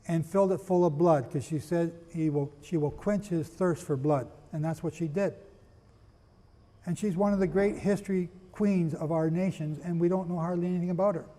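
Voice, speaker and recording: A man giving a sermon-style history lecture, firing rhetorical questions at his listeners, spelling out names and rushing to get through it. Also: sits high, dark tone, big-room sound. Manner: asks the audience rhetorical questions; rushes, apologizes for talking fast. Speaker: preacher.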